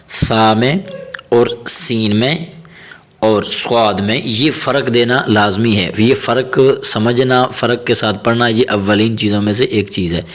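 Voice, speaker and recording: A male teacher gives a recorded tajweed lesson at an easy, patient pace. He sounds out each syllable slowly and says it several times over, then switches to quicker explaining and checks in often that his listeners are following. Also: medium pitch, fairly bright tone. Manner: patient explaining with frequent "theek hai" check-ins. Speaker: Quran reading teacher.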